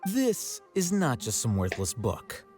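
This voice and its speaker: A man's voice: medium pitch, wildly swooping pitch, slow pace, a little mellow, soft background music. An actor playing a cool, sardonic young male scribe in a video game, dry and teasing.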